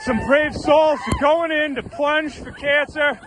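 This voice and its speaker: A man's voice: extremely high pitch, fairly even intonation, unhurried, crowd noise. A man reporting on location at an outdoor event, interviewing in a jokey, theatrical way. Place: outdoors at a rainy, windy waterfront event. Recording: noisy outdoor location sound.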